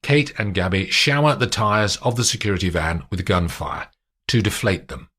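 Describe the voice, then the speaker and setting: Low-voiced male storyteller. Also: moderate pace, slightly rough. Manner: steady, descriptive storytelling. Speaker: narrator. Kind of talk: scripted audiobook narration.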